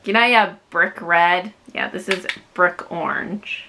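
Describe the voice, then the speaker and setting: A woman's voice: lowish voice, slow pace, vocal fry, pushed and bright, slight background noise. A young woman vlogging a casual makeup review, chatty and self-deprecating with lots of fillers. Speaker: beauty vlogger.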